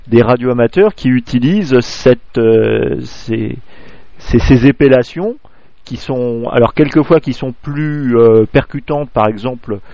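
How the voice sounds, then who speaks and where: A man from France giving a spoken amateur radio lesson, halting, full of fillers and restarts, close to a clipping desk microphone. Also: medium pitch, gravelly, dark tone, no echo, muffled recording.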